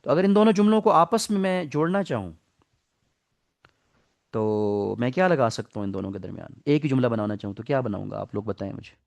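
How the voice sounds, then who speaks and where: Speaking quickly with some vocal fry, a middle-aged Pakistani Urdu-accented man leads an online English lesson. His mid-range voice is expressive as he patiently breaks down grammar and asks the class questions.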